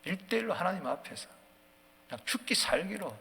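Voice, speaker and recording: A man preaching at a dawn prayer service, swinging from quiet musing to loud, fervent calls. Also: sits high, lively intonation, brisk, creaky, husky. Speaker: pastor. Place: church sanctuary. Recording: long church hall reverb.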